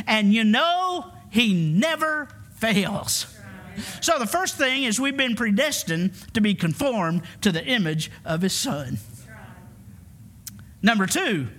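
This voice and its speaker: A pastor in his 50s preaches emphatically in church, calling for answers from the congregation in call-and-response style. His voice is extremely high-pitched, bright and forceful.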